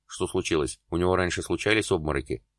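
A stern, commanding male surgeon barks short orders in a very deep, low voice, as a man reads him in an audiobook. The sound is close and dry, with no room around it. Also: fast talker, fairly bright tone, no room sound. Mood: urgent. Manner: curt, barking orders. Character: stern male neurosurgeon, commanding under pressure.

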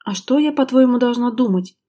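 A woman's voice: medium pitch, moderate pace, breathy edge, natural voice. Lera, a woman reading a furious jealous wife. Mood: shouting. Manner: reproachful, sharp, raised voice. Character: angry jealous young wife, accusing. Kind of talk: dramatic audiobook reading.

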